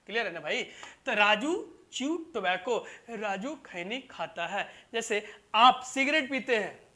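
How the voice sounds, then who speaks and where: A teacher runs a classroom grammar lesson, and the voice has a bright, sharp edge. The teacher goes over each example more than once and keeps checking that the students are following, calling them "babu" and "bhai". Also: medium pitch, animated, unhurried. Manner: repetitive, keeps asking "clear?" and calls students "babu" and "bhai". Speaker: English teacher.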